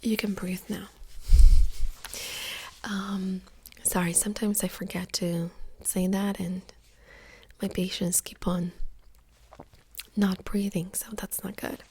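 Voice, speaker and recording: A woman doing a whispered role-play as a doctor in a soft-spoken ASMR exam, gently giving step-by-step instructions in a breathy whisper. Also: medium pitch, little pitch movement, slow, pauses often.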